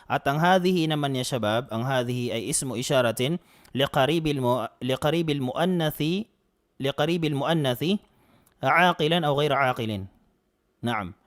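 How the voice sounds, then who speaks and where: A man teaching an online Arabic lesson, patiently repeating and drilling phrases. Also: fairly high pitch. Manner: answers students by name.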